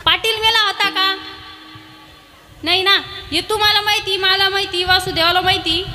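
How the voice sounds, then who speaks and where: Woman kirtan preacher, very high and bright, playful storyteller; booming long-reverb hall. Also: moderate pace. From Maharashtra, India. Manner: lively, teasing asides to the audience. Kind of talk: humorous devotional storytelling sermon.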